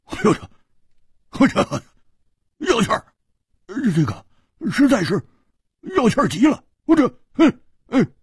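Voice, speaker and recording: A man voicing a boisterous, hot-tempered male swordsman who stammers and shouts in an audiobook story. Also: very high voice, a little slow, pauses often, breathy edge, no room sound, studio quality, voice pushed up, heavily acted. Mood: flustered. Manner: stammering, loud and excitable.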